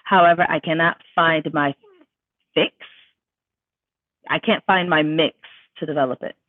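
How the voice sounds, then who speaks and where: Here a woman's low, steady voice moves a little slowly with no echo. She's a vocal coach on a casual livestream, chatting emphatically through viewers' questions she reads aloud, filler after filler. The sound is thin, dry, and phone-like.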